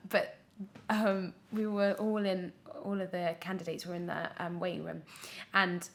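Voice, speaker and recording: A young British woman with a lowish, vocal-fry voice talks at a measured pace as an actor guesting on a podcast. Her interview anecdotes are casual, chatty and full of giggles, with frequent self-quotes acted out.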